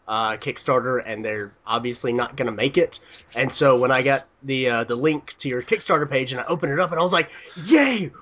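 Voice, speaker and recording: A man's voice: mid-range voice, fairly bright tone. A man hosting a gaming podcast, chatty and upbeat with frequent ums and uhs. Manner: upbeat, chatty, filler-heavy. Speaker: podcast host. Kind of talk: casual podcast interview.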